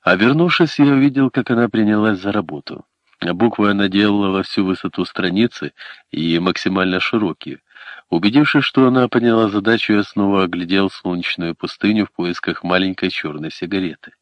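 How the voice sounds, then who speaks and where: A man narrating a novel in the first person with a steady storytelling delivery, in a dull, dry recording. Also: sits low, a little fast, no room sound. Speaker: audiobook narrator.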